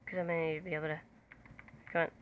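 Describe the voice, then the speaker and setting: A woman giving casual gameplay commentary, chatty and quiet, talking to herself close to her mic. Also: low voice, level tone, very fast. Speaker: gaming video creator. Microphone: desk mic close to the face. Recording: dull lo-fi sound with faint background noise.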